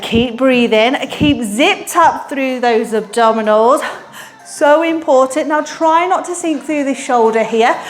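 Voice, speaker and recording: Lady aerobics instructor, highish voice, counting out moves n cheering you on while working out herself, music behind. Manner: encouraging, energetic coaching. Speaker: barre fitness instructor. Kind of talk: aerobics instructor cueing a workout with counted commands.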